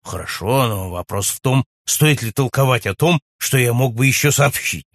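A man reading aloud and voicing a blunt young baronet who talks loudly and forthrightly in a husky voice. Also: mid-range voice, expressive, moderate pace, no room sound. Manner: loud, forthright, exclaiming. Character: young hearty baronet back from abroad, blunt.

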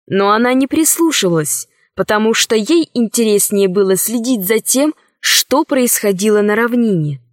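A woman narrating an audiobook calmly. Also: a little high, normal speed, hardly any pauses, no echo, clean studio sound.

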